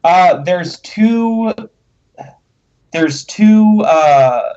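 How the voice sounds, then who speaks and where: A man on a video call, casually and helpfully talking a friend through software settings step by step. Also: sits high, animated, extremely slow. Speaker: player in an online tabletop group. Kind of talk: casual chat. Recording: dull lo-fi call audio with faint piano.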